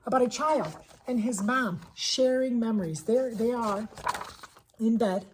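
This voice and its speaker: An elementary school teacher reviews picture books, recommending them casually, enthusiastically and emphatically while repeating phrases for effect. Her voice is fairly high and unhurried, with a noisy background.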